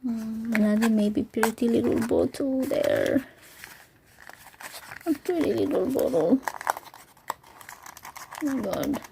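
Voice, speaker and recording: A woman with unboxes small treasures at home before bed, gushing and slipping into whispers. Her voice is slow and mellow with some vocal fry. A faint background noise sits under the recording. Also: fairly high pitch. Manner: excited, gushing, often drops to whispers. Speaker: vlogger. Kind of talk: casual unboxing vlog. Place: home, bedroom at night.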